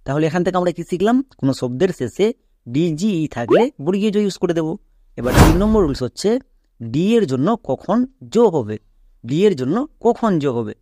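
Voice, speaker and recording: A man teaching an English spelling lesson, with a mellow voice that sits slightly high. He keeps asking questions and answering them himself, and he spells words out slowly, one letter at a time. The recording is dry and close, with no room sound. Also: animated, dry recording. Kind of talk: explanatory lesson.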